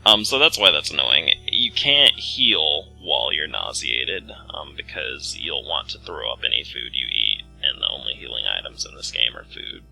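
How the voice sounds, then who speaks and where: A man's voice: very deep voice, expressive, normal speed, creaky, hardly any pauses, bright, forceful tone, breathy edge, soft background music, poor audio. A man hosting a let's play with casual, rambling, self-deprecating game commentary.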